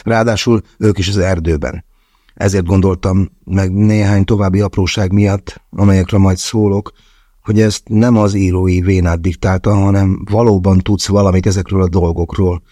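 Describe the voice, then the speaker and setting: A man's voice: low-pitched, mellow, no echo, studio quality. A man narrating a first-person novel as an audiobook, wry and conversational in his storytelling.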